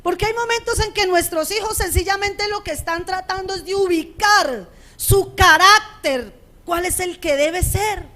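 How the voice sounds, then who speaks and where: High-voiced woman preaching. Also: unhurried. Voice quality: strong, loud voice. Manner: conversational preaching, frequent rhetorical checks with the congregation. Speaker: pastor. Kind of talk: sermon. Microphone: radio studio microphone.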